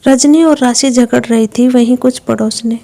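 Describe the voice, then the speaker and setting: A woman giving scripted story narration in an even storytelling manner. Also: on the high side, normal speed, vocal fry.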